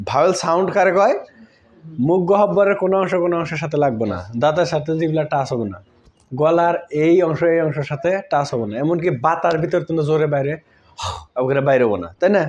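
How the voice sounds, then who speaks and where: Guy teaching grammar, kinda high voice, slightly muffled audio. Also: fast talker, a little mellow. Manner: conversational, asks pupils checking questions. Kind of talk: informal classroom explanation.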